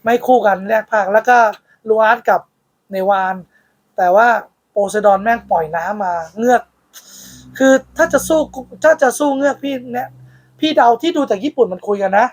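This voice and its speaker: A man's voice: very high-pitched, expressive, moderate pace. A man who owns a card shop and hosts a channel, chatting casually in a blunt, crude and teasing way inside his card shop. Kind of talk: casual chat.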